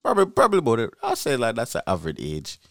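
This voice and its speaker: Lively, smooth-voiced male interviewer. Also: mid-range voice, dry recording, clean studio sound, faint music behind. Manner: halting, restarts and stacks fillers. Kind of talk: casual interview chat.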